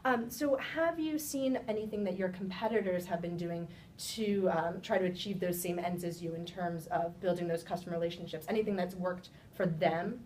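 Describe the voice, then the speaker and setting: A woman practices a sales pitch, putting questions to a client in a rehearsed business manner. She sounds set back from the microphone, with some low rumbling noise behind her. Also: moderate pace, few pauses, a little mellow. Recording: distant mic, rumbly background noise.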